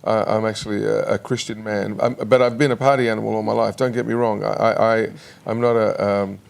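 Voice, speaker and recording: A man talks as a guest on a TV studio couch. His voice has a gravelly, creaky edge. He tells his stories in a chatty, halting way, often restarting his sentences. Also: lowish voice, little pitch movement. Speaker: singer and actor guest. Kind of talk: casual interview chat. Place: television studio.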